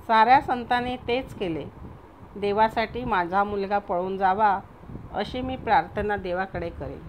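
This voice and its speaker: A woman's voice: medium pitch, a little slow, a little hiss or hum, natural voice, poor audio. A woman reading a tender loving mother. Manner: tender, soothing. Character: gentle loving mother comforting her son.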